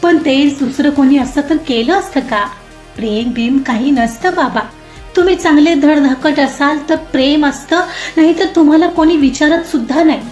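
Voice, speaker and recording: Woman doing an expressive young heroine for an audio story, high voice, roomy lo-fi sound. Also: moderate pace, natural voice. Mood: wistful. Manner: chatty, expressive. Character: lively young woman, chatty and emotional. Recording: roomy muffled recording, soft music.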